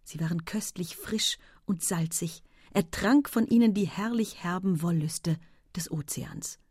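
A woman narrating a literary audiobook in a soft, hushed manner. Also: fairly low pitch, unhurried, husky, dry recording, clean studio sound.

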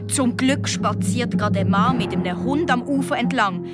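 A woman with a Swiss German accent narrating a children's story in the first person, slow and expressive in a child's voice. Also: a little high. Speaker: audiobook reader. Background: guitar music.

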